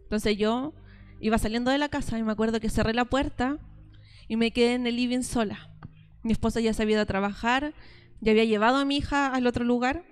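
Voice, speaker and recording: A woman's voice: fairly high pitch, fairly even intonation, quick pace, clean tone, faint music behind. A Chilean woman in her thirties giving a testimonial sermon, telling stories and speaking straight to her listeners as sisters. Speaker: preacher addressing a women's church group.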